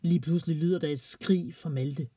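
A storyteller reading a children's story aloud in a plain, even way. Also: mid-range voice, husky, dry recording.

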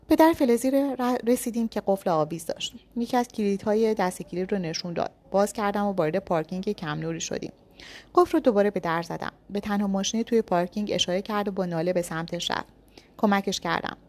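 A woman's voice: medium pitch, a little mellow. A woman reading a first-person thriller story aloud with tense, dramatic storytelling. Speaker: narrator.

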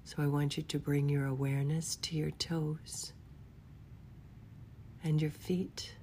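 A woman leading a guided relaxation in a soft, soothing whisper, gently giving unhurried instructions. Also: deep voice, level tone, a little hiss or hum. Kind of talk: whispered guided body-scan meditation.

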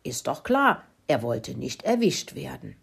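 A woman voicing a clever little girl mouse in a children's story who explains things, husky voice. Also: big pitch swings, unhurried, heavily acted. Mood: knowing. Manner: knowing, squeaky.

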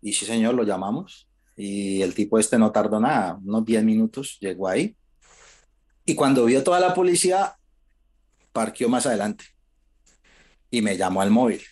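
A man's voice: fairly low pitch, moderate pace, pauses often, breathy edge. Man, interview guest, casual storyteller who acts out dialogue. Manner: animated, acts out quoted dialogue in shifted voices.

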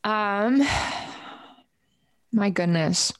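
A woman appears as a musician guest in an interview, chatting casually and informally and rambling as she goes. She speaks very slowly in a low voice, with no echo.

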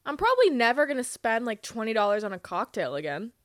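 Young woman, higher voice, sarcastic and sweary, dry close recording. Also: sing-song, fast talker, no room sound. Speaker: podcast co-host. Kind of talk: casual chat.

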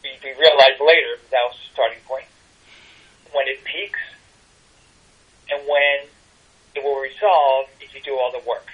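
A man's voice: medium pitch, steady tone, measured pace, long pauses, husky, dull audio. An older man, a tarot reader guest, talking casually in an interview with many ums and restarts.

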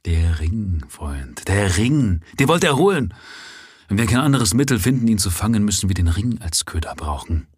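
A man voicing a brilliant, self-assured detective in a low, measured, husky voice. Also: sing-song, dry recording, clean studio sound. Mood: triumphant. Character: cool, brilliant male detective, sharp and lordly.

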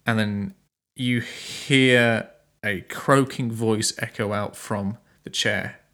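A man narrating an improvised tabletop game as game master, halting as he searches for words. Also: fairly low pitch, fairly even intonation, bright, forceful tone.

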